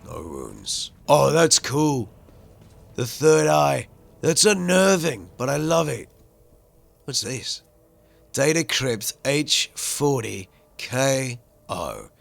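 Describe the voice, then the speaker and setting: A man commenting excitedly as he plays a video game and reads its text aloud expressively. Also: mid-range voice, takes it slowly, vocal fry, faint music behind. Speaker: gaming video host.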